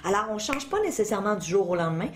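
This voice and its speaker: A woman's voice: mid-range voice, lively intonation, very fast, slight background noise. Quebec French woman, conversational motivational speaker. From Quebec, Canada. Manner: didactic, addresses listeners with questions and examples. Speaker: interview guest, motivational speaker and author. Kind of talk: conversational explanation of self-help ideas.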